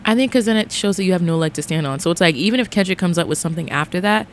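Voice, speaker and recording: A woman's voice: lowish voice, very fast. A woman giving a casual, slangy reaction to music in a conversational way. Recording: faint vehicle noise in background.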